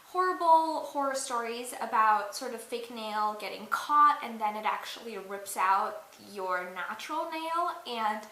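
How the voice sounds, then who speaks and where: A woman's voice: fairly high pitch, bright, forceful tone. A young woman vlogging a joking makeup tutorial in a chatty, giggly way, full of fillers. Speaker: beauty and dance vlogger. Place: indoors at a mirror. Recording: echoey room with faint hiss.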